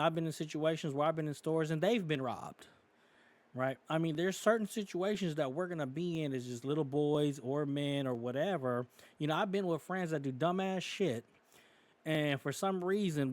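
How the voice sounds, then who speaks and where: This podcast co-host from California has a slightly high voice and talks casually, offering opinions amid plenty of fillers and restarts. The recording has no echo.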